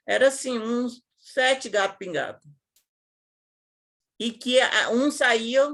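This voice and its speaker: Lively woman telling stories to teachers. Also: fairly high pitch. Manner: lively, colloquial, acts out scenes and voices. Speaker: educator giving a talk. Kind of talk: casual storytelling to teachers.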